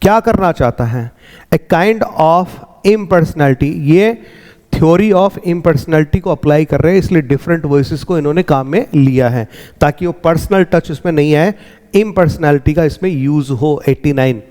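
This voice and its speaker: A man going through exam answers as a teacher, slowly explaining and repeating words to drill pronunciation. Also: a little high, animated, a little mellow, in a large hall. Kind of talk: exam answer walkthrough lesson.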